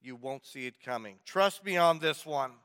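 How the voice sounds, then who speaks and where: A pastor preaching a sermon, telling a story playfully and building mock suspense. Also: male voice, a little high, moderate pace, a bit bright. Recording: long hall reverb.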